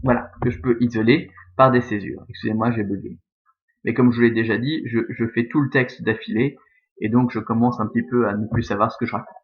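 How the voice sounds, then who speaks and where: A man's voice: medium pitch, fairly even intonation, a little fast, a little hiss or hum. A male teacher giving a recorded lesson on scanning Latin verse, working methodically step by step and often adding "hein" and "euh". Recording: dull, lo-fi sound.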